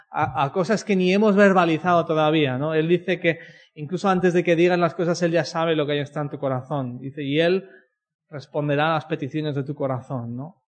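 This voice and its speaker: A man from telling a personal faith story in a conversational way, often ending his sentences with a questioning "no?". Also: on the high side. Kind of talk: personal testimony talk.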